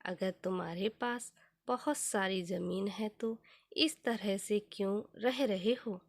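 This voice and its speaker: A woman voicing a calm, wise male guru in a motivational story, with plain, measured delivery. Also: medium pitch, dry recording. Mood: calm questioning.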